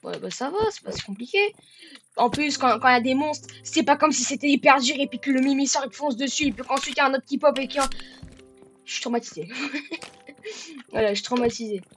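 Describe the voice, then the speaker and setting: A woman giving let's-play commentary in a joking way. She stammers and repeats words, and bursts into shouts at the game. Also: sits high, fairly quick, soft background music. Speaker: gaming video creator.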